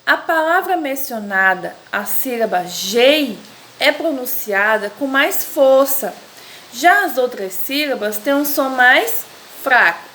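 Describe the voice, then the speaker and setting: Brazilian lady teacher, bright voice, slow and patient, stretches words out, bit of hiss. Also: high-pitched, animated. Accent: Brazilian Portuguese. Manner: patient, repeats words slowly to stress syllables. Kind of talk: recorded classroom lesson.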